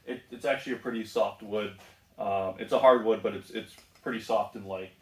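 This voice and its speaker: A man's voice: lowish voice, fairly even intonation, fairly quick, roomy sound, background noise. A man from the northeast United States casually reviewing a bandsaw in his home woodworking shop, easygoing, with lots of ums and self-corrections. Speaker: tool reviewer.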